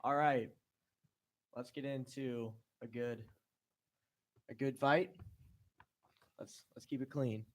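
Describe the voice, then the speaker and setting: A man's voice: medium pitch, steady tone, slow pace, long pauses, a little hiss or hum. A man casually hosting and refereeing a joke contest with short comments and reactions. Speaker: host and referee.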